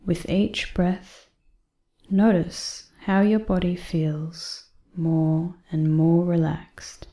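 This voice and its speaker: A woman reading a guided breathing exercise in a soft, calm voice that often drops to a half-whisper. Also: fairly low pitch, very slow, reverberant. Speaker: meditation guide.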